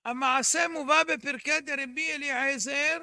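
A man teaching a religious lesson, telling a traditional story in an earnest way, often dropping to a quiet, intense tone for emphasis. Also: very high voice, fairly even intonation, dry recording, studio quality. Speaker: Torah teacher.

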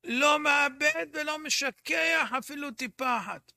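A man teaching a religious lesson, telling a traditional story in an earnest way, often dropping to a quiet, intense tone for emphasis. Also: very high-pitched, vocal fry, no room sound. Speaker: Torah teacher.

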